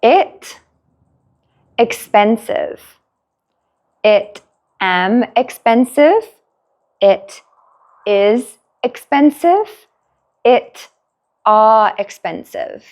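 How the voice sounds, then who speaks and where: A woman teaching a beginner English lesson, drilling simple sentences slowly and clearly with long pauses. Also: fairly high pitch, lively intonation, darkish tone.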